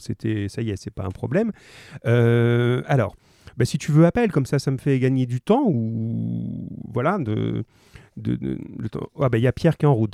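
Guy teaching on the radio, mellow voice, dead dry sound, chatty and jokey, lots of euh. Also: mid-range voice, creaky, dry recording. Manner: chatty, joking, many fillers and restarts. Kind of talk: remote class on radio, casual and encouraging.

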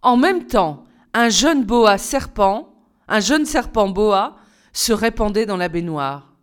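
A woman narrating a children's story in a clear, measured reading voice. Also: mid-range voice, expressive. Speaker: reader.

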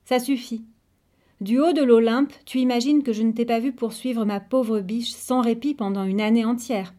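An icy, commanding goddess of the hunt, as a storyteller puts her on. She speaks with cold authority in a mellow, warm voice, clear and measured, as in a storybook reading. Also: a little high, fairly even intonation, close to an everyday voice. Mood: scornful.

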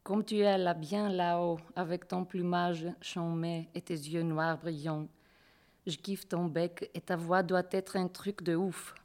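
A woman reading the part of a sly male fox who flatters and then taunts, in a storybook fable. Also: lowish voice, measured pace. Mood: flattering.

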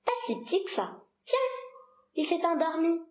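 A woman's voice: extremely high pitch, animated, moderate pace. A woman reading the part of a small, curious boy prince in a storybook reading, earnest and insistent. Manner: earnest, insistent, childlike questioning. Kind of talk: read-aloud storybook dialogue.

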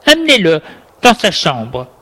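A man's voice: high voice, huge pitch swings, a little slow, sharp tone, full character voice. A man reading a story aloud and voicing a stern, scolding grandmother in a raised voice. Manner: scolding, reproachful.

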